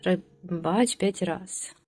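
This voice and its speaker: A woman's voice: lowish voice, extremely slow, mellow, faint music behind. A woman giving casual gameplay commentary, chatting along and ordering her game characters around, with hesitant fillers. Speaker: let's play host.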